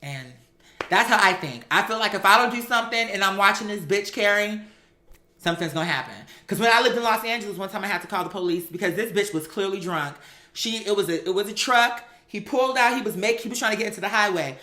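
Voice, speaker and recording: Here a woman with a mid-range voice and sharp tone talks quickly. She's an online talk show host chatting casually, telling gossipy stories with a sassy, profane, emphatic and dramatic flair.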